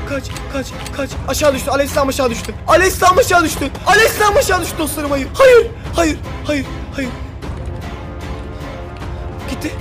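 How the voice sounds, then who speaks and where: A man talks over gameplay in a very high, excitable voice, calling out to his viewers. He rushes through his words and keeps breaking into shouts. Loud background music plays under his voice. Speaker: gaming video creator.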